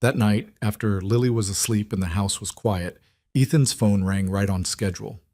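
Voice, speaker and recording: A man narrates a romance story in a measured, even manner. His voice sits on the low side. The recording is dry, with no room sound. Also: dry recording. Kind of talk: scripted narration.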